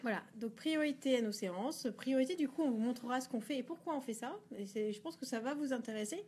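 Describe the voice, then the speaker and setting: A woman's voice: sits high, quick pace, darkish tone, breathy edge. A woman co-hosting a photography blog video, talking frankly and casually with many fillers. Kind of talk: casual chat.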